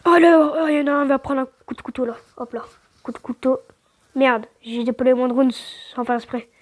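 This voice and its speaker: A woman giving casual gameplay commentary, stammering and restarting words, with slangy, excitable outbursts. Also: high-pitched, a little fast. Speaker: gaming channel host.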